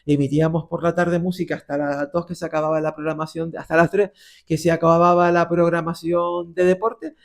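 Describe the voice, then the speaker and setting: A man's voice: a little high, brisk, creaky. A middle-aged man from Gran Canaria with a Canarian Spanish accent, a radio presenter telling stories as a podcast guest. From Las Palmas de Gran Canaria, Spain. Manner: animated storyteller, voices the people he quotes. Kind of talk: podcast interview storytelling.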